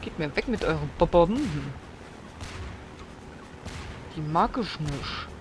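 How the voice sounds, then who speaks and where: A woman's voice: low-pitched, animated, slow, background noise. A woman giving blind let's play commentary, swearing, exclaiming and scolding the enemies aloud.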